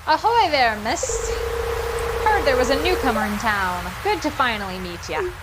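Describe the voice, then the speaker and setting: A woman voicing a friendly old male fisherman with a hearty seafaring drawl, over loud game music. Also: on the high side, big pitch swings, moderate pace, very noisy. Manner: hearty seafaring drawl, vague put-on accent.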